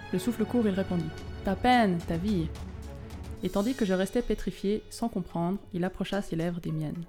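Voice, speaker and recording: Woman reader for a novel extract, lowish mellow voice, measured and steady, faint music under. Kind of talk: reading a novel aloud.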